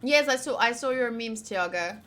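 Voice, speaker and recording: Reading game lines and chatting about her visual novel stream, a young woman sounds expressive and fairly bright, her voice a little high and her speed normal. Her casual talk is playful, full of slang and swearing.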